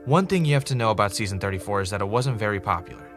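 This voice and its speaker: Over music, a man with a fairly low, everyday-sounding voice narrates a fiction podcast in an animated, racing rush. He plays an anxious, obsessive fan investigating a cancelled show, telling it conversationally, earnestly and ramblingly.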